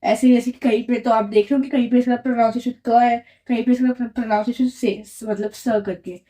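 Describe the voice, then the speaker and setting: Slightly high and dark-toned, her voice stays steady as she talks a little fast. The woman is explaining a French lesson at a whiteboard, patiently repeating things and checking in often with "right?".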